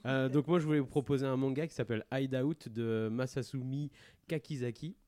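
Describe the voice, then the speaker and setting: Young male host, playful teasing delivery, relaxed podcast chat. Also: mid-range voice, fairly quick, no room sound. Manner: teasing, laughs often. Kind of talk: casual chat.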